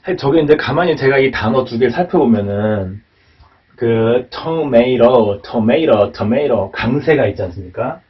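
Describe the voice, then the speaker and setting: Male teacher, mid pitch, halting whiteboard lecture, heard from across a room on a dull mic. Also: recorded from a distance. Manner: hesitant, many fillers and tag questions. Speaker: English pronunciation teacher.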